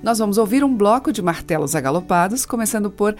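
A woman radio host giving a measured, scripted introduction to a music selection and explaining a verse form. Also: mid-range voice, expressive, darkish tone.

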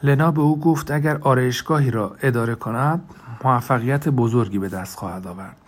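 A male narrator reads a novel aloud in a measured, scripted manner. When he reaches dialogue, he moves into a relaxed colloquial register for each character. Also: medium pitch. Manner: reads quoted speech of several characters in a conversational colloquial register. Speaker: audiobook narrator.

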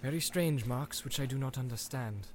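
A man voicing a steady, grave male ranger leader in a storybook reading, speaking quietly and measuredly. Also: medium pitch, normal speed, a little hiss or hum, lightly acted. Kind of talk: audiobook reading.

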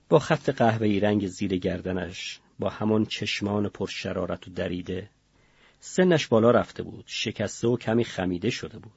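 A male audiobook narrator with a low, husky voice reads in a measured, grave way. The recording is dry and slightly muffled, as if the highs were rolled off. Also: a little mellow, dry recording.

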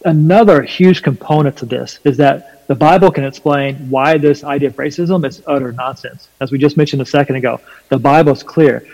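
A man with a Southern US accent and a slight twang, explaining his faith emphatically and deliberately in a preaching style during a conversation. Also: on the high side, a little mellow, highs cut off. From North Carolina, USA. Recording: long hall reverb.

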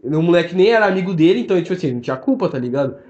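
A young man with a Brazilian accent, telling stories in fast, slangy casual podcast chat full of fillers. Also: sits high, expressive, a little mellow. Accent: Brazilian Portuguese. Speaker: podcast co-host. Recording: roomy, dull lo-fi sound.

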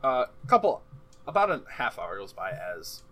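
A man narrating a tabletop game as game master, improvising in a halting but animated way. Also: on the low side. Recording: some room noise behind the voice.

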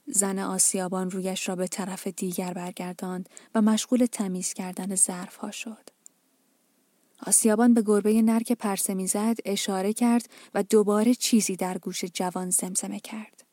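A woman reads an audiobook in a steady, measured narration. Her voice is mellow and dark and stays flat in pitch. Soft music plays faintly behind her.

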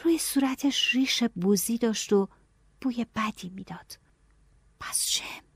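Female audiobook narrator, expressive, higher pitch, dry close sound. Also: slightly rough, dry recording. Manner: expressive, shifting to hushed whispers and anxious cries.

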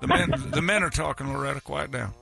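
A man voicing a cranky, forgetful, rambling very old man in a gravelly voice for radio comedy. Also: medium pitch, quick pace. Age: very old (played). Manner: grumpy, rambling, domineering. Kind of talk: improvised radio comedy impression. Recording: loud music behind.

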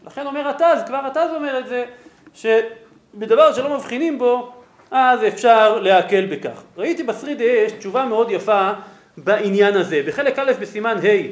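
A rabbi delivers a lesson on religious law in a fairly high voice for a man. He explains patiently, walks through his sources and keeps asking his listeners whether they follow. The room around him is echoey. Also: animated. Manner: explanatory, checks in with rhetorical "right?". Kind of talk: Torah lesson. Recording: roomy echo.

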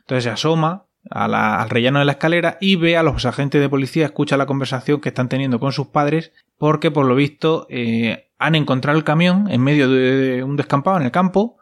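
A man's voice: mid-range voice, brisk, hardly any pauses. A young man, recapping a series casually with wry, ironic asides. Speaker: host.

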